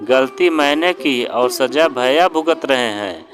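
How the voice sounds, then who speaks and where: A man's voice: mid-range voice, animated, slow pace. A man doing a tearful, pleading younger brother. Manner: pleading, choked voice. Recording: guitar music underneath.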